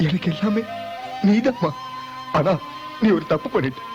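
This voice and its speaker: A bitter, hurt grown son, reproachful, his pitch moving a lot. The film track sounds dull and muffled. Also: animated, moderate pace, over music. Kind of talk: dubbed film acting.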